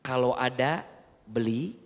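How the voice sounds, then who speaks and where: A man's voice: medium pitch, a little slow. A man preaching a televised sermon, earnestly advising and keeping the audience engaged with rhetorical questions. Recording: long hall reverb.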